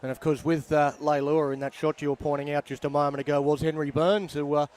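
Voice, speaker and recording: A man with an Australian accent calling a football game outdoors, measured and wry, with plenty of pauses. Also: fairly high pitch, little pitch movement, a little mellow. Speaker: play-by-play commentator. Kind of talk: sports commentary wrap-up. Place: outdoor sports ground.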